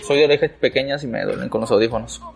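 A man's voice: medium pitch, racing, gravelly, slightly rough, faint music behind. A man with a Mexican Spanish accent, co-hosting a casual chat and telling a story animatedly, swearing and laughing along the way. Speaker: podcast co-host. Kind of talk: casual chat among friends.

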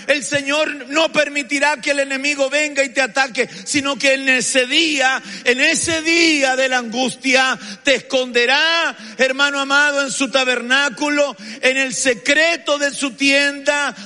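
A man's voice: very high-pitched, pushed and bright. A man preaching a sermon as pastor, with an emphatic and fervent delivery, recorded in a reverberant church hall. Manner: emphatic, rising to fervent exhortation.

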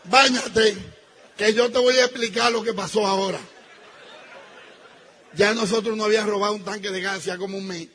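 A man telling an audience a personal story, acting out the dialogue and swinging between loud outbursts and hushed asides. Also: sits high, steady tone, fairly quick, pauses often, some chatter behind, a little hiss or hum. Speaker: speaker telling his business story to an audience.

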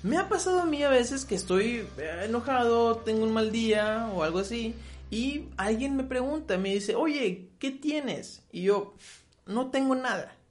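Mexican guy doing an advice podcast, super expressive voice, pitch all over the place, acts out the fights himself. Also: normal speed, soft background music. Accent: Mexican Spanish. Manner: animated, acts out both sides of quoted arguments. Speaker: podcast host giving relationship advice. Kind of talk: casual advice monologue.

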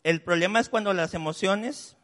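High-voiced pastor in a reverberant hall. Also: male voice, moderate pace, a bit bright. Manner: conversational preaching, chatty asides and personal stories. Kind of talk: sermon. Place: church hall. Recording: long church-hall reverb.

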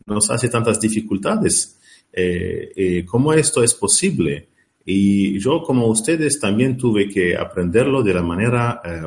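A middle-aged man speaking as a non-native with a foreign accent, giving an informal lecture haltingly, often searching for words. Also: on the low side, a little mellow. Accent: foreign, non-native Spanish. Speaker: guest speaker, spiritual healer.

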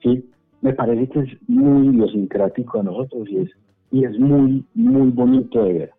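A man's voice: medium pitch, sing-song, moderate pace, gravelly, breathy edge, faint music behind. A Colombian man with a Colombian Spanish accent, chatting and joking as a panelist on a radio discussion. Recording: dry phone-like radio line.

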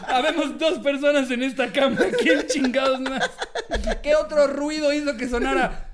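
A man's voice: very high voice, steady tone, normal speed, crowd noise. A man with a Mexican accent, co-hosting a comedy podcast, telling crude stories with lots of laughter and slang. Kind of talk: casual comedic chat.

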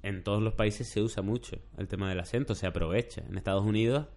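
A middle-aged man hosting a podcast chats casually and fast in a fairly low voice. He tells rambling stories, punctuating them with shouted impressions.

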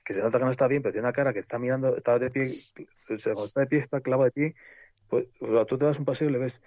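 Spanish guy rattling off a story quick, swears a lot, dull dry mic. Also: mid-range voice, no room sound. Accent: Spain Spanish. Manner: rambling, animated storytelling with many restarts and swearing. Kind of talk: casual chat, anecdote telling. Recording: slightly muffled dry recording.

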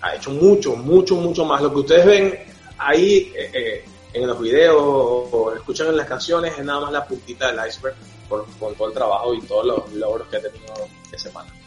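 A man co-hosting a podcast in excitable casual chat, quick to laugh. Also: medium pitch. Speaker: podcast co-host. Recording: roomy, dull, with faint music.

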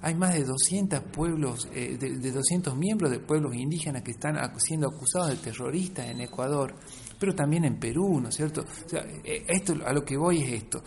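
In a radio interview, a male academic researcher and author with an Argentine Spanish accent explains things emphatically and at length, often adding short tag questions to check in. His voice is fairly high, a little mellow and fairly quick, and the background noise is clear.

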